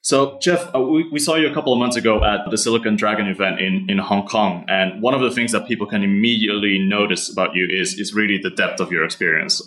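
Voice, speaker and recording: A man's voice: on the low side, quick pace, hardly any pauses, fairly bright tone. A man hosting a podcast, reading a short scripted intro and then asking questions in a friendly way. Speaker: podcast host. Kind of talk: interview hosting.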